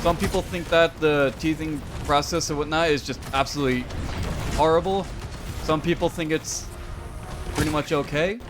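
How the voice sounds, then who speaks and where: A man's voice: a little high, fairly even intonation, normal speed, music in the background. A young adult man streaming a game, telling rambling, joking stories to his viewers with plenty of filler words. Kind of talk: casual chat with stream viewers.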